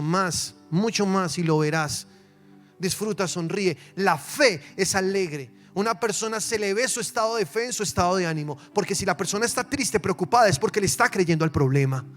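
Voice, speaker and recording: High-voiced pastor preaching animatedly. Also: male voice. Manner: animated, swings between loud emphasis and soft asides. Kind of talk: lively sermon with acted-out quotes.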